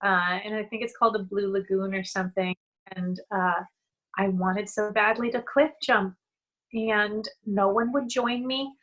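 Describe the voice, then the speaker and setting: Bright-voiced laughing woman guest. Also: mid-range voice, a little slow, poor audio. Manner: lively, laughs often, animated storytelling. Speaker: guest, singer and actress. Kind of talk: casual conversational interview.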